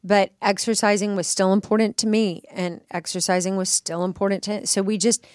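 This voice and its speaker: A middle-aged woman co-hosting a self-care podcast, talking earnestly and reflectively in a relaxed chat. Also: mid-range voice, no room sound, studio quality. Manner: earnest, reflective, with drawn-out phrasing. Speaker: podcast co-host. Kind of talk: casual chat. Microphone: studio microphone.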